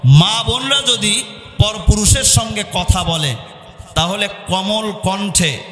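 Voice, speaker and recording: A man preaching an Islamic sermon, chanting and singing verses and shouting questions to the crowd. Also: high voice, slow, a little hiss or hum. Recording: echoey hall with long reverb, faint music.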